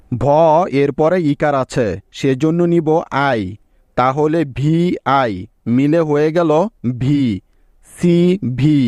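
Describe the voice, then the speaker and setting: A man's voice: on the high side, no room sound. A man with a Bangladeshi accent giving a patient, step-by-step spelling lesson that breaks words into letters and syllables and quizzes the viewers. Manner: addresses viewers directly, quizzing them. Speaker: English teacher.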